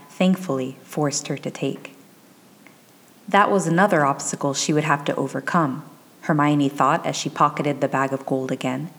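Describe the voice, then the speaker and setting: A woman narrating a fan fiction chapter in a measured, even storytelling delivery. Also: deep voice. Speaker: audiobook narrator.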